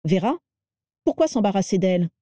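A woman's voice: mid-range voice, very animated, moderate pace, mellow, no echo, lightly acted. A woman voicing a burly, blustering wizard who grumbles, sneers and panics easily, in a dry storybook reading. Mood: grumbling.

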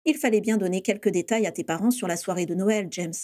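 A woman voicing a sensible teenage boy wizard, close to her own voice and calm throughout. He speaks in a measured, dry manner with a mellow tone. The recording is dry and close. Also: medium pitch, no echo, close to an everyday voice.

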